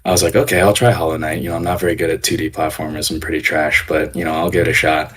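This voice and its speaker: Deep low guy voice, sings a lot, rambly low-key storytelling over voice chat, bit of music behind. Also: little pitch movement, very fast, fairly bright tone. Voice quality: deep singer's voice. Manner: low-key, hedging storyteller with frequent check-ins. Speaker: call-in guest on a live show. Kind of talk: casual anecdote. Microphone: voice call on Discord.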